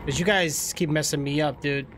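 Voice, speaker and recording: A man's voice: a little high, steady tone, normal speed. A man doing casual live game commentary into a headset, exasperated and pleading with the game. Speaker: game streamer and dad. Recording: game ambience and noise behind.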